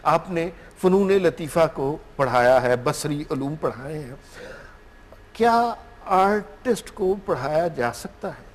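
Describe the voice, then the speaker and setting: A man with a Pakistani Urdu accent hosting a TV talk show, telling anecdotes in an animated way. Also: a little high, slow pace, in a large hall. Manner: animated storytelling, acts out anecdotes. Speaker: host.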